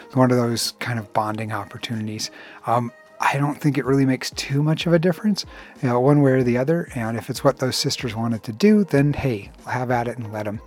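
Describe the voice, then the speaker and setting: A man in his forties hosting a casual solo podcast, talking in a relaxed, rambling way with filler words, recorded inside a small clothes closet at home. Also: medium pitch, brisk. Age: 40s. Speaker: podcast host.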